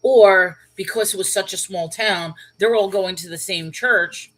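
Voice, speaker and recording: Her voice is mid-range and a little slow, captured in a rough recording. She is the channel host, a woman from New York casually telling a personal story on a livestream, chatty throughout, checking in with "okay?" and "all right?" and posing rhetorical questions as she wonders aloud.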